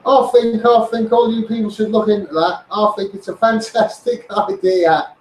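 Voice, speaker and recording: He speaks at a moderate pace in a high, steady voice over slight background noise, his Scouse accent marking him as from around Liverpool. As an online campaigner livestreaming, he rambles through an impassioned rant, insistently addressing his audience and repeating points. Echo and a faraway mic color the audio.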